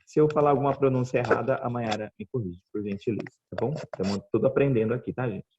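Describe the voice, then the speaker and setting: A Brazilian man teaching an online English class, repeating words slowly and often checking that students follow. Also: medium pitch, warm tone, dull audio, a little hiss or hum.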